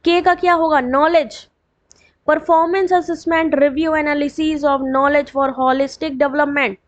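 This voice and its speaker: A woman with a high voice teaches an online exam revision lesson. She reads each full form slowly and carefully, then drops into quick chatty asides to her students, with a dry throat. The recording sounds dull and lo-fi. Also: fairly even intonation.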